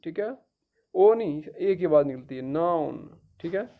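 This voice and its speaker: A man's voice: a little high, expressive, normal speed. A middle-aged male teacher from Jammu and Kashmir giving a patient, step-by-step tutorial and checking in with his students after each step. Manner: patient, repetitive, keeps checking with "theek hai". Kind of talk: screen-guided tutorial. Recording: dull lo-fi recording.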